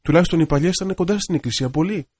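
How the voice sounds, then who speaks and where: A man, an Orthodox priest, giving a radio sermon in a gentle, reflective storytelling manner. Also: fairly high pitch, breathy edge.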